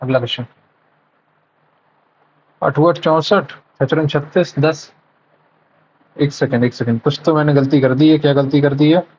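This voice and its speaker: A man with a slightly high voice mutters through a mock test, counting numbers under his breath and stopping to fix his own mistakes. He switches between Hindi and English math terms as he works. The recording sounds dull and lo-fi. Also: steady tone, measured pace, pauses often, a little mellow, husky. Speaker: exam prep tutor solving a live mock test. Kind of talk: thinking aloud while solving math problems.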